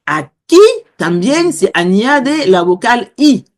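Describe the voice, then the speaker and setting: Woman professor, high voice, measured unhurried delivery, pauses to find her words. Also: lively intonation. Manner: slow, hesitant, searching for words. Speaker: guest professor. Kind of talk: explaining a language lesson.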